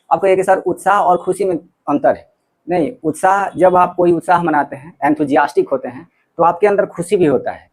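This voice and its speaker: A man's voice: on the high side, darkish tone, low-quality recording. A man teaching English vocabulary for exams. He mixes Hindi with English, spells words letter by letter and keeps checking in with his students. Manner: repeats words and checks in with "theek hai". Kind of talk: exam-prep lesson.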